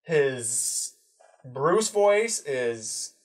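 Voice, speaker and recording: A man's voice: mid-range voice, sing-song, extremely slow. A man co-hosting a casual chat, talking loosely, swearing often and laughing between points. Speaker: co-host.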